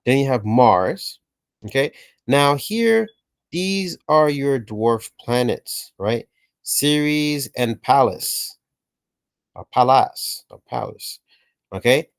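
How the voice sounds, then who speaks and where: A man's voice: mid-range voice, animated, takes it slowly, dry recording. A man explaining a science reference table as a teacher, talking casually and often checking in with "okay" and "right". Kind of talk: explainer lesson narration.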